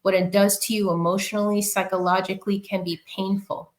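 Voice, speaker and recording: A woman with a New York accent speaks as a guest on a podcast, answering questions over an online video call. She gives earnest, measured advice at a mid-range pitch, moving steadily through long sentences with occasional fillers. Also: flat delivery, rough recording. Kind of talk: interview answers, giving advice.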